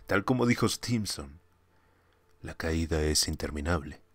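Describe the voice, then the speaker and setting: A man's voice: a bass voice, lively intonation, unhurried, heavily acted. A man voicing a defiant male crewman who talks in a taunting, scornful, insolent manner.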